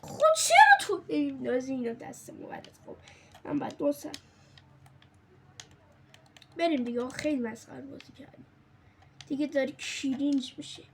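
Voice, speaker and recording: A woman gaming streamer in casual let's-play commentary, excitable and jokey, often crying out, laughing and dropping into hushed whispers. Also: sits high, long pauses, heavy background noise.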